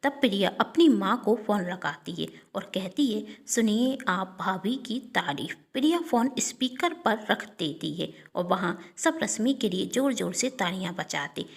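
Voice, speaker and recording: A young woman narrating an emotional family drama in a steady storytelling manner. She carries the tale with feeling and reads each character's lines in her own voice. Her pitch sits at a medium level. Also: moderate pace, gravelly, hardly any pauses, breathy edge.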